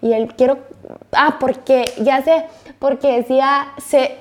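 A young woman with a fairly high voice tells a story in a relaxed, chatty way. She slips into the voices of the people she quotes, and her pitch and pace keep shifting as she talks. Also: a little slow, dull audio. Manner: animated, acts out quoted dialogue. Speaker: co-host of a couples' faith talk. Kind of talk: casual storytelling.

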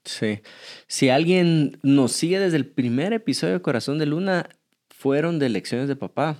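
A calm podcast co-host at a middle pitch, mostly answering with brief agreement before reflecting on a point at an unhurried pace. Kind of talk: casual reflective chat.

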